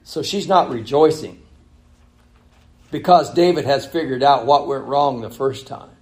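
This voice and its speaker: A male pastor preaching a sermon, switching between loud emphatic reading and quiet, intimate asides. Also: mid-range voice, a little slow.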